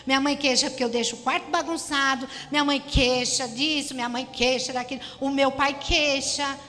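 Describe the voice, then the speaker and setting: A woman's voice: sits high, fairly even intonation, normal speed, bright, forceful tone. A Brazilian woman preaching a sermon to her congregation, repeating phrases and exhorting the listeners. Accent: Brazilian Portuguese. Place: church hall. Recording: church hall reverb with music.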